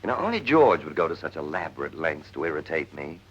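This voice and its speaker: Deep-voiced, husky, wry screwball comedy man. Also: big pitch swings, fast talker, heavily acted. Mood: exasperated, wry. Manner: wry, sardonic banter. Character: exasperated, wry man convinced his brother returned as a dog. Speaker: actor in a screwball comedy film. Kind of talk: 1940s screwball comedy film acting, bantering. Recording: muffled vintage film soundtrack.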